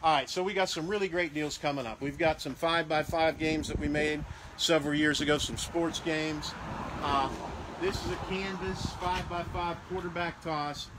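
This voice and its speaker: A man's voice: a little high, fairly even intonation, moderate pace, noisy background. A man casually walking through a sales showcase of party games, repeating prices and restarting phrases as he goes. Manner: walking around showing products. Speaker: salesman for a game rental company.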